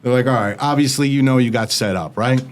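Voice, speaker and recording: As an interview guest, a younger man from the United States talks through his story at medium pitch. He speaks quickly and animatedly in a casual register, imitating the voices of people he quotes.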